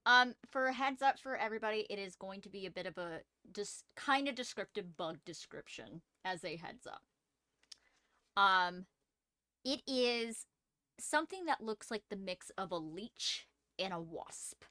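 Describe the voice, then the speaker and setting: Bright, animated woman game master. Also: medium pitch, measured pace, no room sound, clean studio sound. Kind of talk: narrating a tabletop role-playing game.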